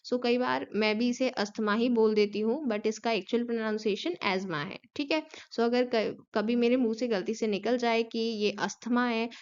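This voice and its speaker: A woman's voice: a little high, steady tone, moderate pace, few pauses, a little mellow, clean tone, dull audio. A woman with an Indian accent teaching an online class, explaining steadily with frequent fillers and English terms.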